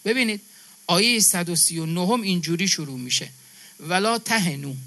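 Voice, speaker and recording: A man's voice: sits high, expressive, bright, forceful tone. A man from Iran giving a religious sermon to a gathering, building his points through emphatic repetition and calling his listeners brother and sister. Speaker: preacher.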